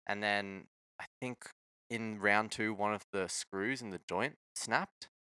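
A man's voice: on the low side, steady tone, slow pace, bright, forceful tone, clear, resonant tone, dry recording. A man chatting casually about sport in a laid-back, slangy way. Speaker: sports talk co-host.

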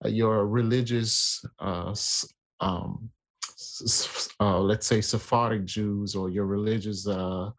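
A man in casual conversation about faith, talking in a halting way with many fillers and restarts. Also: on the low side, fairly even intonation.

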